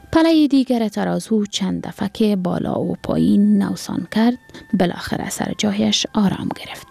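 Afghan woman storyteller, soft and hushed, very gravelly and breathy. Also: mid-range voice. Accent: Afghan Dari. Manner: soft, near-whispered reading. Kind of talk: soft scripted story narration.

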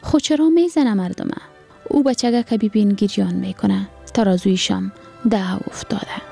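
Woman doing a pleading little Afghan girl, high and eager, gravelly. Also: dark tone, soft background music, natural voice. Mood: questioning. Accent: Afghan Dari. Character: small hungry girl, curious and pleading.

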